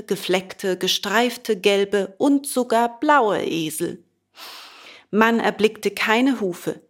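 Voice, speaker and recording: A woman reads a children's storybook aloud at a slow, deliberate pace. Her voice is mid-pitched and expressive as she narrates. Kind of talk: storybook reading.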